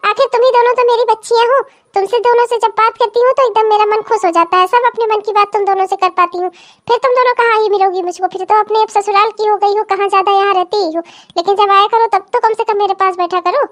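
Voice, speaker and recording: A scheming old cartoon mother-in-law who rules her household with threats and coos over her own daughters. The voice is shrill and very high, with a bossy, scolding bite. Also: steady tone, fast, a bit bright. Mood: doting. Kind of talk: cartoon comedy voice acting.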